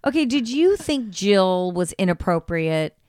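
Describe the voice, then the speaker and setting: A middle-aged woman co-hosting a casual chat, animated and quick to swear and mimic others. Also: medium pitch, clean tone, dry recording, studio quality. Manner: animated, swears freely, mimics people she discusses. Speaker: podcast co-host.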